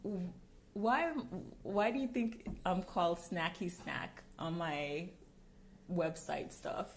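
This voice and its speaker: A woman's voice: lowish voice, slow pace, roomy sound, slight background noise. A woman in her thirties hosting a podcast, chatty and prompting her guest, often repeating answers back. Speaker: podcast host. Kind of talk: casual interview.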